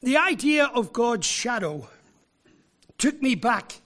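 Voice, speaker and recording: High, slow preacher. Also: male voice, sing-song, a bit bright. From Northern Ireland. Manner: emphatic, rhetorical questions, deliberate pauses. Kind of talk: sermon.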